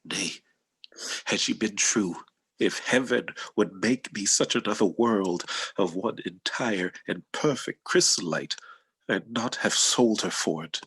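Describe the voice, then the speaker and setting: A man's voice: on the low side, measured pace, fairly bright tone, breathy edge, exaggerated voice, rough recording. A man playing a tormented, jealous husband and lord, brooding and declamatory, in a Shakespearean tragedy reading. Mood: bitter self-justifying. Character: tormented, jealous husband and military lord who has killed. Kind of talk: Shakespearean tragedy cold read.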